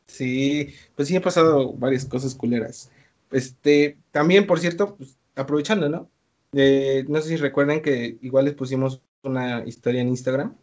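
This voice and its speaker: A man's voice: mid-range voice, normal speed, a little mellow. A young man with a Mexican accent, co-hosting a casual talk show and telling a listener's spooky story in slangy, easygoing speech. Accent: Mexican Spanish. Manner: slangy, laid-back, laughs between lines. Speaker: podcast co-host reading a listener's story.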